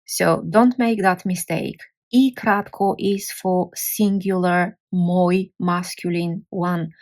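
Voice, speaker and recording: A woman's voice: on the low side, fairly even intonation, slow. A woman teaching a language lesson, sounding out letters and syllables one at a time. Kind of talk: slow, careful language lesson.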